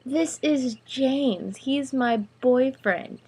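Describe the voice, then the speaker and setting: Woman doing a vain teen girl, shrieky, fake-sweet, raised high voice. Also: extremely slow, darkish tone, breathy edge, heavily acted.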